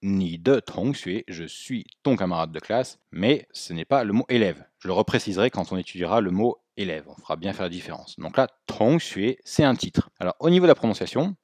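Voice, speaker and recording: A man with a fairly low voice gives a spoken language lesson. He explains patiently and models each sound for learners to repeat. The recording is dry and close. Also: lively intonation, fairly quick, few pauses, a little mellow, no echo. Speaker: Mandarin teacher.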